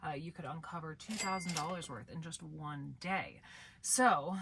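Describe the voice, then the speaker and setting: A woman's voice: deep voice, moderate pace, vocal fry, noisy background. A woman giving a chatty, enthusiastic vlog tour, telling stories to viewers like a guide. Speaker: travel vlogger and former tour guide. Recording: background music under the voice. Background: music.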